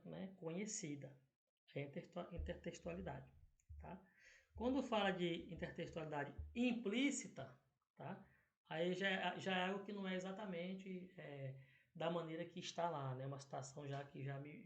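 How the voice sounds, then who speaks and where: A Brazilian Portuguese-speaking male teacher with a fairly high voice works through exam questions in an echoey room, his speech full of fillers and frequent "tá?" and "né?" check-ins.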